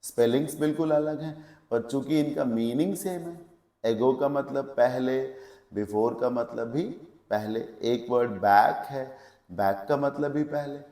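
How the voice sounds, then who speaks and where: Unhurried and mellow, a medium-pitched man teaches an English class, speaking Hindi mixed with English words. He walks through the material step by step and asks questions to check comprehension, in a roomy-sounding space.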